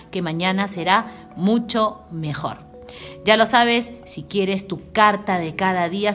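A woman gives a daily tarot reading in a gentle, advising voice, slowing down to repeat her key warnings. Her pitch sits in a middle range. Faint background music plays beneath her. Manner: soothing, advising, repeats key phrases slowly. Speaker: tarot reader.

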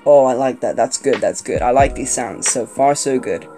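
A young Colombian toy reviewer, whose first language isn't Spanish, unboxes a toy at a table indoors, chatty but hesitant, with frequent ums and restarts. His mellow voice sits at an ordinary middle pitch at normal speed. Guitar music plays clearly under the camera-mic audio.

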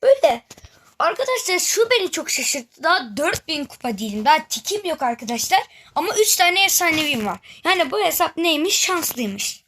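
A woman's voice: high-pitched, sing-song, a little fast, pushed and bright. A woman hosting a gaming channel, giving casual gameplay commentary and chatting straight to her viewers. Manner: chatty, keeps addressing viewers directly.

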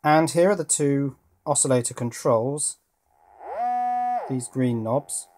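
Loud music plays over a man demonstrating electronics by hand at his indoor workbench, a hobbyist presenter who muses aloud somewhat hesitantly. He speaks slowly at medium pitch.

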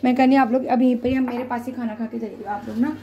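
Vlogger woman, high voice, playfully dramatic, home kitchen. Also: fairly even intonation, quick pace, lo-fi sound, slight background noise. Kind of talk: casual home cooking vlog. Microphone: phone camera.

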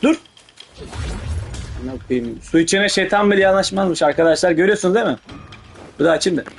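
High-pitched man gaming in crude street slang. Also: fast talker, faint music behind. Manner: casual street slang, heavy swearing; excitable, blurts urgent outbursts. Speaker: gaming video host. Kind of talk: casual live gameplay commentary.

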